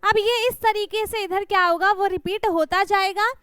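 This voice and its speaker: A woman's voice: extremely high pitch, steady tone, normal speed, a bit bright, no room sound. A woman maths teacher explaining division step by step, patiently talking to her students and often checking in with "right?". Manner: speaks directly to students, patient and encouraging.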